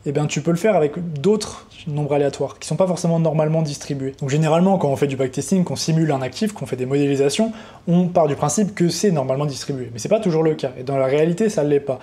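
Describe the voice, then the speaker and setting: Brief: young male tutor, relaxed and mellow, chatty, unscripted walkthrough, a touch high-pitched. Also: quick pace. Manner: casual, rambling, talks straight to the viewer. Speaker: trading educator.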